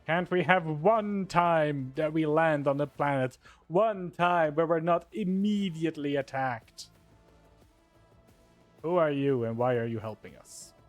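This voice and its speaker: A man's voice: on the high side, a little slow, no echo, faint music behind. A man commentating live gameplay as a streamer, joking at himself and swearing and exclaiming at what happens on screen. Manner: self-mocking, swears and exclaims at the game.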